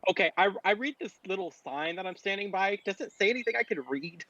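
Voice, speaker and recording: A man's voice: sits high, lively intonation, fast, sharp tone, muffled recording. A man playing a tabletop game, cheeky and playful in character. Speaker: player.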